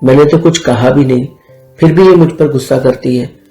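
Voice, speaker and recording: A man's voice: mid-range voice, moderate pace, warm tone, close to an everyday voice. A man voicing a sulky teenage boy who whines and defends himself, in an echoey room with faint music. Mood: whiny. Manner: whining, defensive. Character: whiny teenage boy, sulky younger brother.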